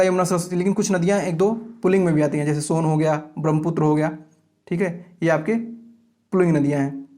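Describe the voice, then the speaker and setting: During an exam-preparation grammar class, a man speaking in a fairly high voice reads examples aloud in regular lists. He often halts to ask whether his students are keeping pace.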